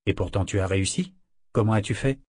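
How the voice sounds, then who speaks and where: A man's voice: lowish voice, fairly quick, a little mellow, breathy edge, no room sound, studio quality. A man playing an earnest young man who speaks urgently and pleads in a raised voice. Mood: curious.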